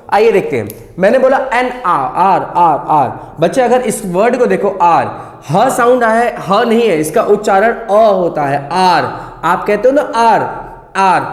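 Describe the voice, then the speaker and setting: Man, grammar teacher, explains step by step, repeats words, high voice, roomy echo. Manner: explains step by step, repeats words, asks and answers his own questions. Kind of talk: classroom grammar lesson. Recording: echoey room with long reverb.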